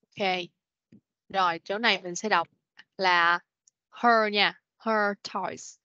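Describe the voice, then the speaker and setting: In a mid-range, fairly even voice that is pushed, bright, and smooth, a woman teaches kids English over an online class. She's patient, slowly repeating words, correcting pronunciation, and often saying "rồi, ok." It's a dry, dull, lo-fi video call meeting recording.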